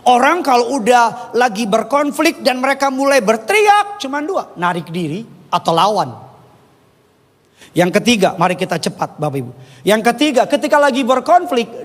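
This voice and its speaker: A man preaching a sermon, animated and jokey, slipping into playful voices and regional slang. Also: extremely high pitch. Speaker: pastor. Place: church hall. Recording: long church reverb.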